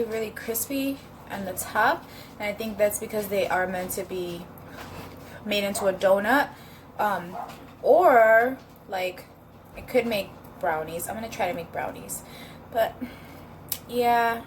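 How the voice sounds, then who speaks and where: A woman's voice: mid-range voice, a little slow, pauses often, a little hiss or hum. A woman chatting casually in a home cooking vlog, upbeat and rambling with fillers, at times talking while she eats. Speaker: vlogger.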